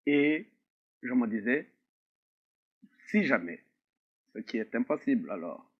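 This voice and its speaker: A middle-aged man from Rwanda, an interview guest giving a measured, grave personal testimony with frequent pauses. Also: mid-range voice, big pitch swings, husky. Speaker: interview guest, author and survivor. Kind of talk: slow, reflective personal testimony. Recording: tinny phone-like sound.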